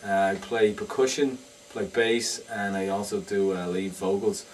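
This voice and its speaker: Hesitant Irish man, low and distant. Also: fairly even intonation, normal speed. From Dublin, Ireland. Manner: hesitant, full of "you know". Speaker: band percussionist and singer. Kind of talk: casual interview chat. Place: lounge bar. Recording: distant mic, faint room noise.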